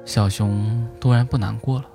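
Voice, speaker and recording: A man narrating a bedtime story in a gentle, unhurried way, lightly voicing the animal characters. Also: on the low side, fairly even intonation, creaky. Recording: soft music behind the voice. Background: soft instrumental music.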